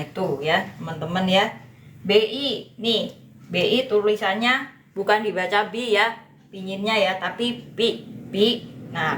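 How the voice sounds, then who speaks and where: Slow, chatty woman teaching Mandarin. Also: mid-range voice, fairly bright tone, roomy sound. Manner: chatty, repeats pronunciations, addresses viewers often. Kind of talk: live online language lesson.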